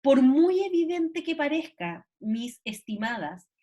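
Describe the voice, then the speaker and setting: A woman's voice: high-pitched, very animated, slow pace, mellow. A woman lecturing an online class, explaining with many fillers and tag questions. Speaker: university lecturer. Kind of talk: online class commentary on a video.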